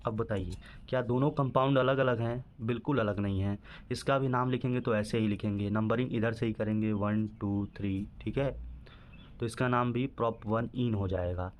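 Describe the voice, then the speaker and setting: A man's voice: on the low side, fairly even intonation, moderate pace, a little hiss or hum. Man teaching, quizzing the class himself. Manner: asks questions and answers them himself, repeats "ठीक है" often. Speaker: chemistry teacher. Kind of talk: classroom-style lesson explanation.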